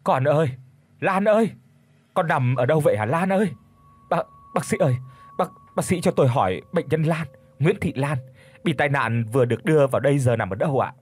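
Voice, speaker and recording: A man voicing a frantic middle-aged father who pleads and shouts in a hurry, with a husky voice. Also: a little high, big pitch swings. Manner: desperate, shouting, hurried.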